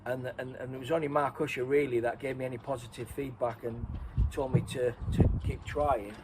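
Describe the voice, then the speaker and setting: A man's voice: mid-range voice, steady tone, a little fast, a little mellow, a little hiss or hum, rough recording. Man telling a story. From Redcar, North East England. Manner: rambling, self-correcting, laughs at himself. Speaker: interviewee and co-host. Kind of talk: casual storytelling chat.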